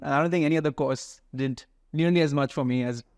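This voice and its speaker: A man's voice: fairly high pitch, fast, darkish tone, dry recording, studio quality. A young man from India with an educated Indian accent, giving informal, explanatory answers as an interview guest.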